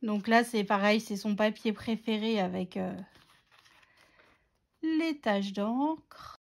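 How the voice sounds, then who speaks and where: A woman's voice: mid-range voice, slow, vocal fry. A woman narrating a scrapbooking tutorial in a chatty, self-mocking way, with many fillers. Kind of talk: casual craft tutorial narration.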